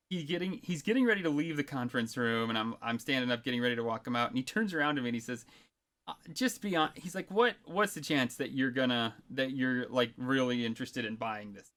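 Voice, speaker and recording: A man's voice: mid-range voice, fairly bright tone. A man in his thirties co-hosting a casual podcast, telling a long anecdote with many fillers and frequent laughter. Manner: rambling storyteller, laughs often, many fillers. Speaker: podcast co-host.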